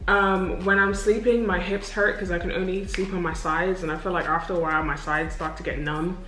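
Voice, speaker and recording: A woman's voice: on the low side, steady tone, a little fast, fairly bright tone, reverberant, faint music behind, low-quality recording. A young woman answering viewer questions in a casual sit-down vlog, candid and chatty, swearing freely. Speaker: vlogger.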